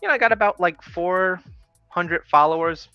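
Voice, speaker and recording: A man's voice: high-pitched, moderate pace, clean tone, muffled recording, faint music behind. A man with a New York accent hosting a casual livestream interview over a video call, upbeat and joking. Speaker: host.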